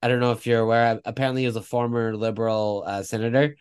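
A man's voice: medium pitch, level tone, fast talker, darkish tone, clean tone. A man co-hosting a casual political podcast, rambling and correcting himself as he talks, often laughing at his own stories. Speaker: podcast co-host.

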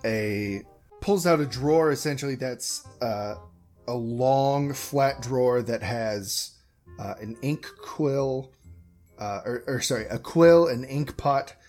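A male game master narrating a tabletop game at an unhurried, drawn-out pace. He meanders and corrects himself mid-sentence, with faint guitar music playing behind him. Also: medium pitch, a little mellow. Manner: slow, meandering, self-correcting.

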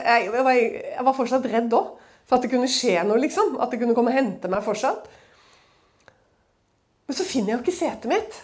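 High-voiced woman telling a lively testimony. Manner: lively and dramatic, with many conversational fillers. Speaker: church speaker. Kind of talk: personal testimony told as a story.

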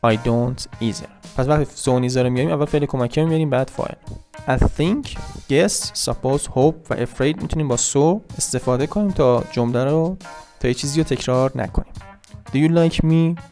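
A man teaching English grammar in a podcast, moving briskly through explanations and example sentences. His voice has a gravelly edge at mid pitch, and soft guitar music plays underneath. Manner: quick, explanatory, reads example sentences aloud.

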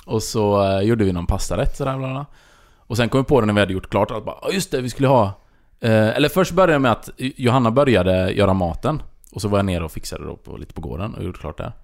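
A man's voice: fairly low pitch, hardly any pauses. A man hosting a podcast, telling a story in casual chat and acting out what people said. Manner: animated storyteller, acts out dialogue. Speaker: podcast host.

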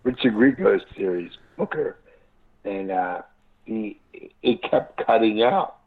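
Guy calling in on a crackly phone line, kinda low voice, swears a lot, keeps stammering and restarting. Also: expressive, slow. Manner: profane, stammering with many restarts. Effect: crackly phone line that keeps breaking up. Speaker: caller into a radio show. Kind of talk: rambling live call-in chat. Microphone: cell phone. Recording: tinny cell phone line.

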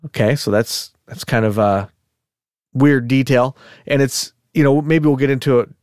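A podcast co-host with a middle-pitched, resonant, clear voice casually tells the story of a case at a moderate pace. He's relaxed and chatty, thinking aloud with filler words and asides. The sound is close and dry, without room echo.

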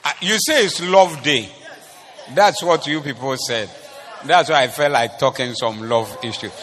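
A man preaching a sermon in church, animated and teasing, talking straight to the congregation. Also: medium pitch, measured pace, a little hiss or hum. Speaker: pastor. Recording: long reverb of a church hall.

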